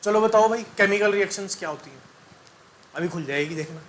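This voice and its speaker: A male chemistry teacher runs a lively classroom lesson. His voice sits high and sounds bright. He quizzes students in call-and-response style and throws in jokes and sung mnemonics. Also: fairly quick, slight background noise.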